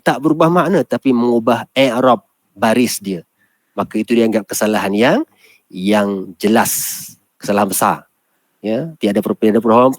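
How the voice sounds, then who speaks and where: A man's voice: medium pitch, no echo. Patient Malaysian man teaching recitation, dry sound. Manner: patient, explains step by step, chants Arabic verses slowly. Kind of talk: classroom lesson on Quran recitation.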